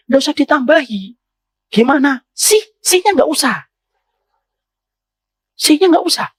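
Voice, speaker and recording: A male Islamic preacher giving a sermon to women, speaking to them directly, asking them questions and moving between low, calm passages and raised, emphatic ones. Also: gravelly, no room sound. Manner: addresses audience directly, asks them questions. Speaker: ustadz preacher.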